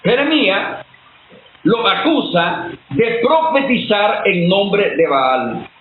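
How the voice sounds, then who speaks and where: A man's voice: high voice, animated, slow pace. Emphatic preacher man on a tinny line. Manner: emphatic, keeps asking the listeners questions. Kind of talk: sermon-style Bible teaching. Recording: tinny phone-like line, echoey, faint hiss.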